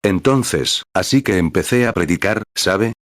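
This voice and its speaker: A man's voice: lowish voice, lively intonation, a little slow, a bit bright, no echo, clean studio sound. A man reading a translated sermon as a life story in a plain storytelling manner, calling out the paragraph numbers between passages. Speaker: sermon reader.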